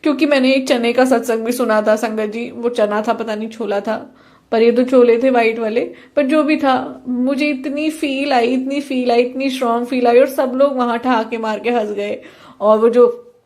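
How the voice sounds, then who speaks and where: A woman's voice: a little high, fairly even intonation, moderate pace, a little mellow. A young woman earnestly sharing a devotional experience, speaking directly to her listeners. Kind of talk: devotional testimony.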